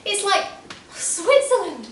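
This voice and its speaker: A woman's voice: very high voice, sing-song, extremely slow, slight background noise, heavily acted. A teenage girl acting a fragile young woman bidding emotional farewells in a school stage play. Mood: pleading. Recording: echoey school stage from far off.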